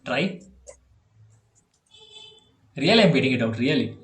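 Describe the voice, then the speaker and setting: A man's voice: medium pitch, lively intonation, unhurried. Man, Indian English accent, coding tutor, laughs often, echoey room. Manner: chatty, laughs often, repeats okay and yeah. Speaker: programming tutor. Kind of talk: online one-on-one coding lesson.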